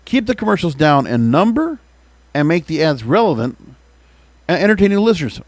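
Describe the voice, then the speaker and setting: With a fairly high, sing-song voice and a slightly quick delivery, this American podcast host offers strong opinions on music in radio-commentary style. He speaks emphatically and often poses rhetorical questions to his audience. The sound is dry, with no echo.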